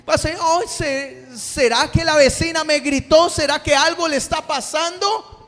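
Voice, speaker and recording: A man's voice: extremely high pitch, normal speed, fairly bright tone. A male preacher giving a sermon, impassioned and pressing his listeners with rhetorical questions. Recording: reverberant hall with faint music.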